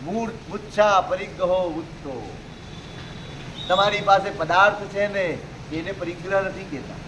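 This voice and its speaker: High high voice guy giving a jain sermon, keeps firing questions at the crowd. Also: a little slow, noisy background. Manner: rhetorical questions, exhorting listeners. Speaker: Jain preacher. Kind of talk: sermon to a live audience.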